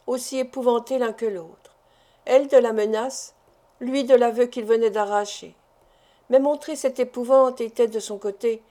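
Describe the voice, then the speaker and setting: A woman reads a classic novel aloud as an audiobook narrator, in a measured and deliberate way. Her voice sits somewhat high and has a soft, mellow tone. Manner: measured, deliberate literary reading. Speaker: audiobook reader.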